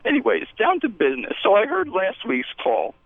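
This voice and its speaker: A man voicing an excitable, defensive male puppet who calls in over the phone and rambles, quick to get riled up. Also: high-pitched, vocal fry, dry recording, heavily acted. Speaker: caller. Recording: tinny phone line.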